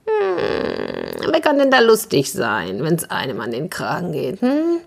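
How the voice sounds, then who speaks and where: A woman's voice: lowish voice, huge pitch swings, takes it slowly, creaky, heavily acted. A woman voicing an old, worn-out cat that grumbles and stammers through its complaints in a children's story. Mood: sorrowful.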